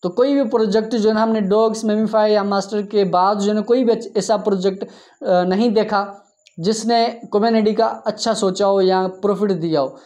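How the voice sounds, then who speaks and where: A man hosting a crypto app channel, narrating over a screen share in an exasperated, scolding tone, often tagging his sentences with a quick "okay". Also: sits high, fairly even intonation, a little mellow. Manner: exasperated, scolding, tags lines with 'theek hai'. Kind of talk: screen-share commentary rant.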